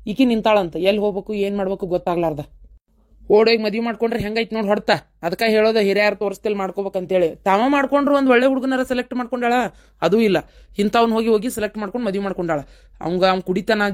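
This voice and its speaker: A woman's voice: mid-range voice, natural voice. A woman voicing a stern, scornful elder brother in a cartoon, speaking with a North Karnataka accent and lecturing curtly. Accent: North Karnataka Kannada. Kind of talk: cartoon voice acting.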